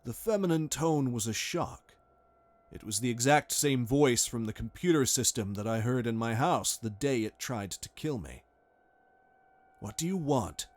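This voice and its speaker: A man's voice: medium pitch, moderate pace. A man reading a first-person horror story aloud in a tense, dramatic way. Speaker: narrator. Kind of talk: scripted horror narration.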